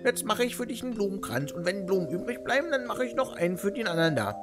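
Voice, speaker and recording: A man plays an ancient great-grandmother in a video game story, her voice lifted high and girlish. She is tender, sweet and childlike, drifting faintly through old memories as she nears death. Music plays behind her. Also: very animated, fast. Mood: girlish, cheerful.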